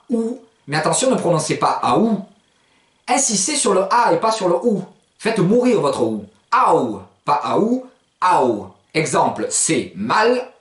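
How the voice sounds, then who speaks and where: A man giving a spoken pronunciation lesson, explaining letters and sounds clearly and patiently. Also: high voice. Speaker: language teacher. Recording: echoey room.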